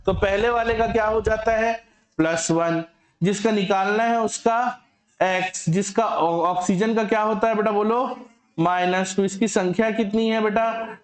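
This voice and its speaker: A chemistry teacher with a fairly high voice fires questions at his students and answers them himself in a lively classroom lecture. He teases and scolds the class as he goes, and a bare classroom's echo carries his voice.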